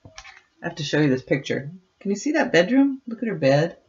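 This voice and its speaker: At normal speed and a fairly low pitch, an older woman reads aloud from a picture book, turning to her grandchildren with expressive, chatty asides. The recording, made on a computer webcam microphone, sounds dull and lo-fi.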